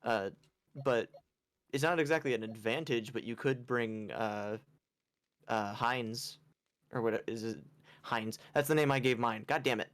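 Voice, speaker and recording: Here a male streamer with a medium pitch and fairly bright tone speaks a little slowly while he plays. He rambles casually, yawns, and makes fun of himself.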